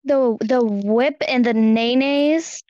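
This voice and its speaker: Woman playing a high-pitched, doting, clueless dad. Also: dark tone, lo-fi sound. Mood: eager, doting. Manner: halting, rambling, repeating phrases. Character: doting overprotective dad, clueless about trends, eager to seem hip. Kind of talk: amateur roleplay acting.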